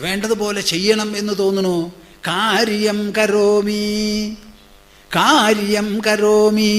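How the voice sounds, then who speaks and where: A man's voice: sits high, a bit bright. A man, a swami, giving a spiritual discourse, pressing his listeners with rhetorical questions and repeating phrases for emphasis. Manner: chants scripture verses slowly in a drawn-out way.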